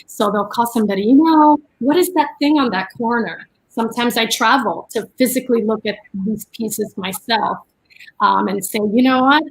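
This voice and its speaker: A woman's voice: fairly high pitch, normal speed, breathy edge, poor audio. A middle-aged woman from the Dominican Republic, raised in New York, chatting as a guest about her art career with lots of fillers. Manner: chatty, animated storytelling with fillers. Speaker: guest, art dealer and curator. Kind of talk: casual chat.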